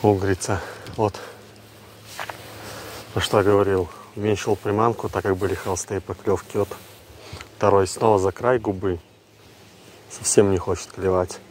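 Fields: Sex: man. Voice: low, flat. Style: terse fishing commentary. Noise: wind on mic. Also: normal speed, long pauses. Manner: terse, short fragmented remarks. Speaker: angler filming himself. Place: outdoors on a windy lake shore. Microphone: action camera worn on the body. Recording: outdoor wind and ambient noise.

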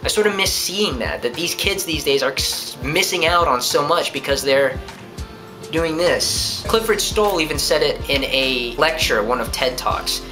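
A man's voice: a little high, expressive, measured pace. Young guy chatting in his living room, rambly, music underneath. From New Hampshire. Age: young adult. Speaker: vlogger answering viewer questions. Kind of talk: casual vlog chat. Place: living room at home, indoors.

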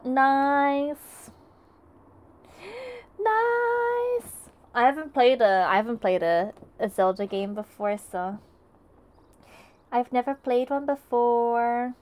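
Young woman, craft streamer; relaxed, unhurried chat with viewers, slightly high pitch. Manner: chatty, greets and answers chat, frequent restarts. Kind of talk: casual live-stream chat while crafting.

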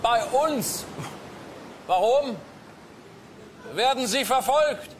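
A man's voice: extremely high pitch, lively intonation, drawn-out words, a little hiss or hum, exaggerated voice. A man playing a smug, condescending cruise passenger in a stage sketch, with a pompous, lecturing manner. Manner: pompous, lecturing, keeps adding tag questions.

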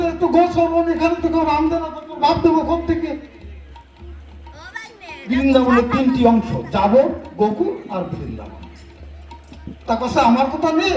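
Heard from a distance in a reverberant space, a man with a Bengali accent and a very high voice performs kobi gaan, telling a devotional folk story on stage. His sung storytelling is animated, and he switches voices to act out each character's dialogue.

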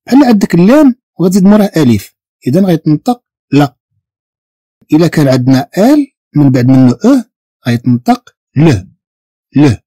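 A man's voice: fairly high pitch, mellow, husky, dry recording. A man with a Moroccan Arabic accent teaching a beginner language lesson, patiently repeating each sound and spelling letters out.

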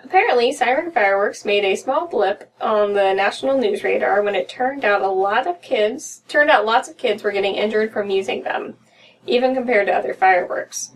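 A young American woman co-hosts a horror story podcast, reading a story aloud from a small room at home. Her mid-range voice moves at a moderate pace, picked up by a distant mic with room noise.

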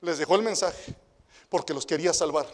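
A man with a Mexican accent preaching a sermon to young people. He asks rhetorical questions and swings between hushed asides and loud, emphatic declarations. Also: a little high, brisk, big-room sound. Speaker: pastor and youth director.

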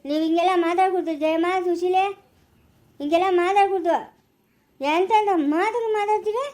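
A woman's voice: very high-pitched, fairly even intonation, brisk, a little mellow. A woman playing a quarrelsome, indignant village man in a family skit, in a rural Chikkaballapura Kannada accent, scolding and ranting and repeating herself.

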